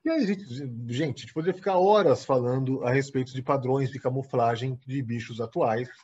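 A Brazilian man, a guest lecturer, gives an online lecture over slides in a medium-pitched, darkish voice with a Brazilian Portuguese accent. He speaks haltingly, repeating words and restarting often, and explains with frequent "né?" tags. The video call audio is husky, dull and lo-fi.

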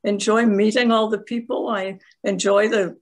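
An older woman from Scotland, telling stories in a halting, rambling way on a video call from her tablet at home. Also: medium pitch, little pitch movement. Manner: rambling, halting, with frequent restarts and soft laughs. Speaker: interviewee, veteran curler. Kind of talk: casual video call interview.

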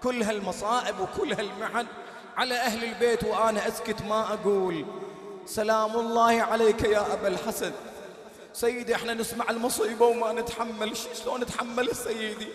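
A male preacher gives an impassioned mourning sermon, shouting and chanting in grief. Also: high voice, little pitch movement, fairly quick. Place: large prayer hall. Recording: echoey hall with long reverb.

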